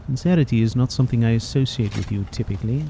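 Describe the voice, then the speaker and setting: A man plays a guarded, grumpy adventurer from a game. His lines are terse and formal, delivered dryly at a medium pitch. Faint outdoor noise and crickets sit behind him. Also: fast talker, dark tone, natural voice. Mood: dry, aloof. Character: guarded, curmudgeonly male adventurer who craves silence. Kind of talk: video game character dialogue.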